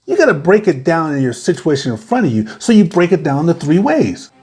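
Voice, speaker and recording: Animated man asking rhetorical questions. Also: fairly high pitch, fairly quick, faint music behind. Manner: asks many rhetorical questions; repeats key points for emphasis. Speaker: video host giving advice. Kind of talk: direct-to-camera talk.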